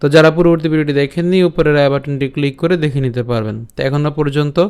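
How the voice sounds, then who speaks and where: A man with a smooth, resonant voice, pitched a little high, teaches an online recitation lesson. He breaks each verse into syllables and repeats them slowly and deliberately. He rattles through his channel announcements quickly. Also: fairly even intonation, a little mellow. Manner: slow syllable-by-syllable drilling of pronunciation.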